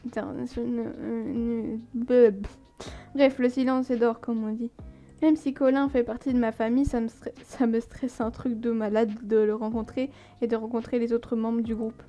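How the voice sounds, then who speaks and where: A woman's voice: on the high side, dark tone. A woman reading a story game aloud, stumbling over words and breaking off into chatty, giggling asides. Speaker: gaming streamer.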